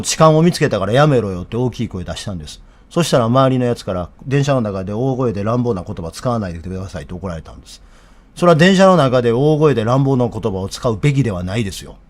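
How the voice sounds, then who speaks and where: Animated Kansai man commentating. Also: medium pitch. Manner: animated, blunt and sardonic. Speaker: political commentator. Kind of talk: casual spoken commentary.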